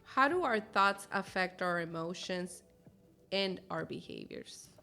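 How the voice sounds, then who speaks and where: A woman hosting a podcast who affirms her guest gently and then steers the talk with a new question. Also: on the low side, animated, unhurried, gravelly, faint music behind. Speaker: podcast host.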